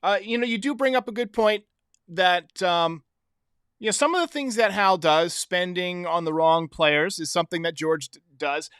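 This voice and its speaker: A man with a slightly high, very clear voice hosts a fan sports show. He gives casual, conversational commentary, thinking out loud. The sound is bright and very dry. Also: moderate pace, dry recording.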